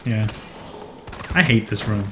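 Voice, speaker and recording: A man's voice: on the low side, animated, slow pace, noisy background. Man explaining a game, dry and wry. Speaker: let's play commentator. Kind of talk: casual gaming commentary.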